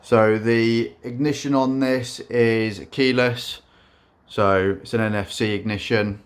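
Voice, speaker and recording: A man showing his custom motorbike in a casual vlog, speaking in a self-described monotone with many fillers and restarts. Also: mid-range voice, slow, smooth.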